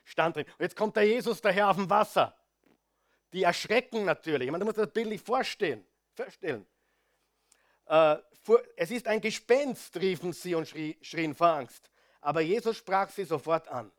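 A male preacher with a fairly high voice, reading scripture and then breaking off to speak straight to his congregation. He is animated, dropping to soft asides and then punching key words out loud. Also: moderate pace. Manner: animated, addresses the audience directly; swings between soft asides and loud stresses. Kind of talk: sermon with Bible reading.

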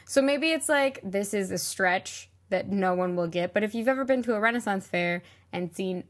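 A woman's voice: medium pitch, moderate pace. A woman co-hosting a podcast in casual chat, rambling with lots of fillers and laughs. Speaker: podcast co-host.

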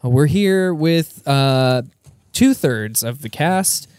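A relaxed man hosts a casual podcast, joking with his guests and often pausing on filler words. His voice is smooth and resonant. The sound is dry and close to the mic. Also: fairly high pitch, no echo. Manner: joking, laid-back, uses filler words. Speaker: podcast host. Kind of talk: casual chat.

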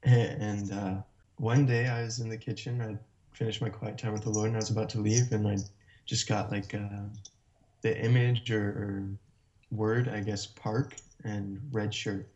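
A man guest telling a personal story in a casual, animated way, often laughing between sentences. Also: lowish voice, moderate pace. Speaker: interview guest. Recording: muffled lo-fi sound.

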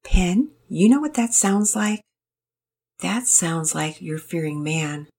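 For a storybook reading, a woman voices a gentle, earnest mother giving calm counsel in a full character voice. Her low, slightly husky voice moves slowly and steadily with a patient, guiding manner.

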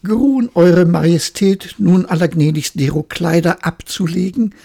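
A woman voicing two sly male swindlers who pose as weavers, speaking in a bright, fawning, showy way in a bedtime storybook reading. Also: on the low side, moderate pace, gravelly, slightly rough.

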